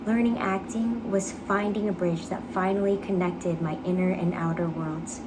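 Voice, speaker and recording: Young woman's low, earnest dramatic reading, noisy. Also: fairly even intonation, normal speed. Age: young adult. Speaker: actor reading own application essay. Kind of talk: dramatic reading of a personal essay. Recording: clearly noisy background ambience.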